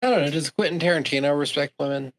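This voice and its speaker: A man's voice: a little high, fast talker, fairly bright tone. A man co-hosting a podcast in casual chat, wry and laid-back, swearing now and then. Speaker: podcast co-host.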